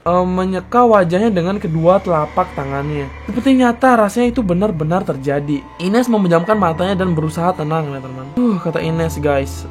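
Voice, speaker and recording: A woman's voice: lowish voice, a little mellow. A woman reading a horror chat story aloud, chatty, often turning to address her listeners. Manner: chatty, keeps addressing the audience. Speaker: storyteller, channel host.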